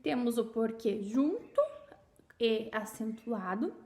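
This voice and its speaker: A woman's voice: fairly high pitch, slow, darkish tone. Chatty woman teacher reviewing grammar. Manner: chatty, with frequent tag questions and restarts. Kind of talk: casual classroom review lesson.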